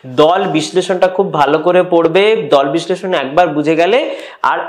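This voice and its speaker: Man talking through exam suggestions. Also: a little high. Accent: West Bengal Bengali. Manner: rapid question-by-question rundown with frequent "আচ্ছা". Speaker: teacher.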